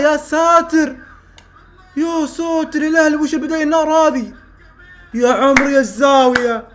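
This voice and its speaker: High-pitched, fast-talking man reacting. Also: slight background noise. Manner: excitable, swings between muttering and loud shouts. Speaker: YouTube streamer reacting to a football match. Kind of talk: live football reaction commentary.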